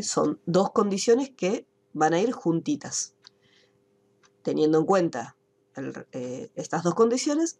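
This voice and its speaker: Online class teacher, woman, mellow husky voice, patient step-by-step explainer. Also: fairly low pitch. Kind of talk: online spreadsheet lesson. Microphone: computer mic on a video call.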